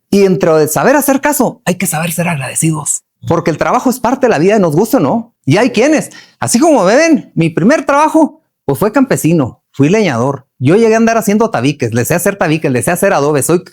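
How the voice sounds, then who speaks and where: Lively motivational speaker, folksy. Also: male voice, sits high. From Chihuahua, Mexico. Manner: folksy, earthy slang, asks the audience many questions. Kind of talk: motivational talk to workers.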